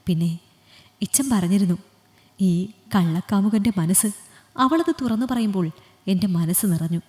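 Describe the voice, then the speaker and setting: A woman storyteller reading an emotional story in a soft, measured way. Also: medium pitch, expressive. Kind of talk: scripted audiobook narration. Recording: long hall reverb.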